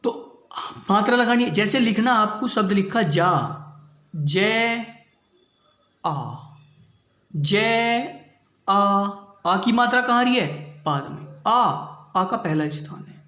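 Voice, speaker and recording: High-voiced man teaching shorthand, echoey room. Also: normal speed, pushed and bright. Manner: repetitive, checks understanding with "clear hui bhaiya baat". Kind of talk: classroom lesson.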